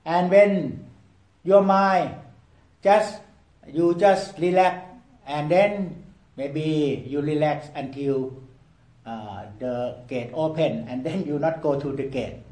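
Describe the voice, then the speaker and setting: A man leading a group meditation in broken English, often asking "okay?" and swinging between loud prompts and hushed near-whispers. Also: a little high, takes it slowly, roomy sound, low-quality recording. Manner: non-native broken English, repeats "okay?". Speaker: meditation teacher. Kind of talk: guided meditation talk.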